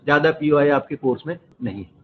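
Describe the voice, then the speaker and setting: A man's voice: on the high side, fast. A male maths teacher giving a lecture in a classroom, explaining step by step and quizzing his students. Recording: echoey room, slightly dull sound.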